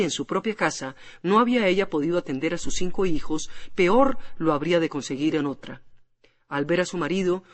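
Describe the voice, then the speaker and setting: A man narrating a classic novel as an audiobook in a measured storytelling manner. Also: fairly high pitch. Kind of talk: scripted literary narration. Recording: long hall reverb.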